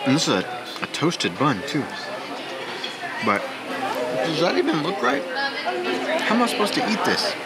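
Over a noisy crowd, a forties-aged food vlog host talks with enthusiasm and narrates his meal, camera held close, moving from a restaurant interior to the beach outside. His fairly high voice swings hugely in pitch, at a moderate pace with long pauses.

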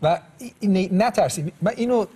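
Emphatic husky-voiced pastor. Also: male voice, sits high, dark tone. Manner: emphatic, preaching rises. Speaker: pastor and host.

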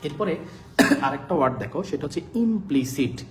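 A man's voice: a little high, very animated, normal speed, a little hiss or hum. A man teaching vocabulary in a live online lesson, repeating words and their meanings over and over and asking his students check questions. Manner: repetitive drilling of words and meanings.

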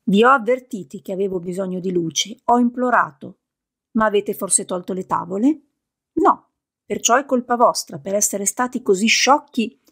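Woman doing a proud male painter, defiant, theatrical, shouting, raised pitch, gravelly, husky. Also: normal speed.

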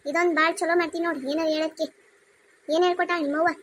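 A woman's voice: very high voice, flat delivery, rapid-fire, a bit bright, slight background noise. A woman voicing a bossy, strict village mother-in-law with a North Karnataka Kannada accent, scolding and commanding. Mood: mocking.

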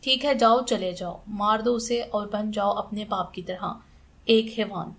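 Stern, furious aunt figure, harsh commanding tone, fairly high gravelly voice, read by a woman narrator. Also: steady tone, moderate pace.

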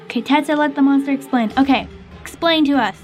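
A young woman with a very high voice improvises a role-play story as she games. She narrates in simple, expressive lines, and music plays behind her. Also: fast. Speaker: gaming video host and player.

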